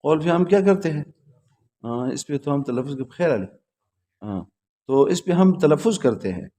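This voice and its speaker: A man's voice: on the high side, lively intonation, mellow. A male teacher giving a classroom lecture on logic at a religious school, quizzing his students and repeating their answers back to them in a patient, repetitive way.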